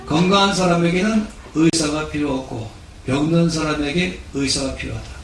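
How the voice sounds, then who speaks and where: Older guy pastor in his 60s preaching, earnest story, kinda high voice, big roomy hall. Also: far from the mic, slight background noise. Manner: earnest storytelling, acting out quoted speech. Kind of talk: sermon with personal testimony. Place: large church hall. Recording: echoey hall recording from afar.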